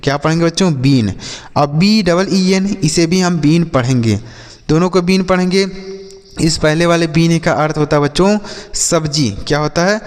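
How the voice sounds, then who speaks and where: A man's voice: fairly high pitch, moderate pace. A man teaching children in Hindi-style lesson, spelling each word letter by letter and asking and answering his own questions. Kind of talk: English homophone lesson for children. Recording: long reverb.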